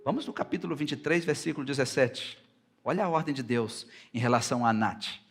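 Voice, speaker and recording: Soft music plays behind a husky-voiced pastor with a Brazilian Portuguese accent as he preaches. He lingers slowly over scripture, then rises loud and high to quote God and Moses.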